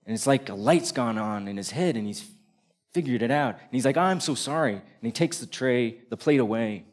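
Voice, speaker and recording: A man's voice: mid-range voice, moderate pace, a little mellow. A man performing a live stage story in vivid present tense, building to comic punchlines before an audience.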